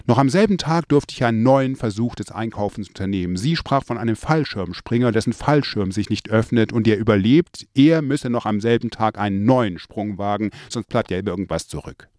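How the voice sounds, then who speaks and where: A man reading his own memoir aloud, telling a childhood story in a lively way and lifting his voice for the remembered lines. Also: fairly low pitch, normal speed, hardly any pauses, no echo, clean studio sound. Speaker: narrator.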